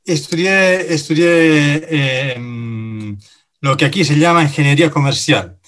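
A middle-aged man from Italy, a native Italian speaker with an Italian accent, answering radio interview questions in a halting way, full of pauses and fillers. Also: a little high, a bit bright. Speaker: guest, finance director.

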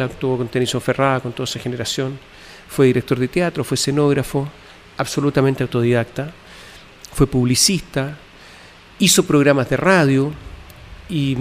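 A man being interviewed, recounting his family's history in a measured, reflective way with frequent pauses and fillers. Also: medium pitch, slight background noise. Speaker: guest.

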